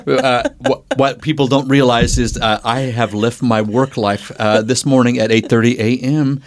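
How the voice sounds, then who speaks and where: A man's voice: medium pitch, steady tone, normal speed. An older man chatting in a natural, unscripted way as a co-host, exclaiming and echoing the other person's words. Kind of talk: natural unscripted casual chat.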